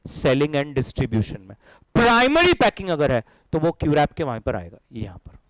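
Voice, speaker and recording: A middle-aged man leads a lively classroom lecture, firing questions at students and having them chant answers back. His voice sits a little high and comes across dry and close, with little room sound. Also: moderate pace, dry recording, rough recording. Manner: energetic, drills class in call-and-response; mixes Hindi with English terms. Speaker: accounting teacher.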